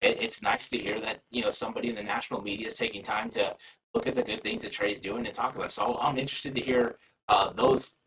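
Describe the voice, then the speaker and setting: Man, robotic garbled connection audio, distant from the mic, gravelly, casual rambling host. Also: mid-range voice, bright, forceful tone. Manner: rambling, frequent restarts and fillers. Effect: garbled robotic-sounding audio from a bad connection. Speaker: sports podcast host. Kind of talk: casual livestream chat.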